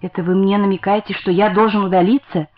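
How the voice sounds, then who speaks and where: A woman's voice: medium pitch, level tone, fast talker, highs cut off, close to an everyday voice. A woman voicing a shabby man who speaks stiffly and formally. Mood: puzzled.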